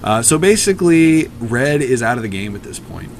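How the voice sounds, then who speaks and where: A man's voice: medium pitch, big pitch swings, normal speed, slight background noise. A very tired man casually commenting on a replay of his own match late at night, rambling with many ums and uhs.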